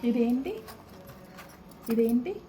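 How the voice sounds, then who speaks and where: A woman, gently teasing a small child with question after question in a playful home video. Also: fairly high pitch, expressive, extremely slow, slight background noise. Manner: coaxing, teasing questions, soft-spoken.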